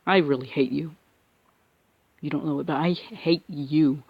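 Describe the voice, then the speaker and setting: A man's voice: fairly high pitch, steady tone, takes it slowly, creaky, slightly rough, no echo, highs cut off. A man giving frustrated, cursing commentary while opening packs and playing a mobile game. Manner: frustrated ranting with frequent cursing and restarts. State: angry. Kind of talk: angry gameplay commentary.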